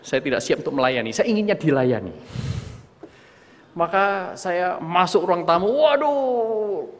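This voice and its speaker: A middle-aged man preaching in a church, his somewhat high voice ringing with a long hall reverb. He tells a story about himself, keeps calling his listeners "saudaraku", and acts out his own anger as he goes. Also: moderate pace. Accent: Indonesian. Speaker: pastor. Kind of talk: sermon.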